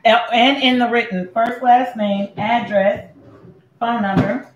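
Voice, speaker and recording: In an echoey home kitchen with faint ambient noise, a woman from Puerto Rico demonstrates a dish, talking casually and chewing between sentences. Her voice is a little high and steady, and she's unhurried.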